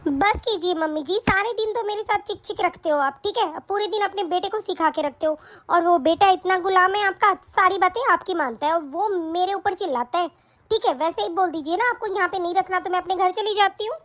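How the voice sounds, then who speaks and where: Brief: a woman doing a bratty young daughter-in-law for a cartoon, whiny and defiant, very high voice. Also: a little fast, fairly bright tone. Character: spoiled quarrelsome young married daughter. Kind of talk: animated story voice acting.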